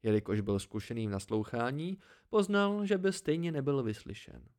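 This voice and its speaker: A man reading a fantasy story aloud as an amateur audiobook narrator, in a steady, even way. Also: medium pitch.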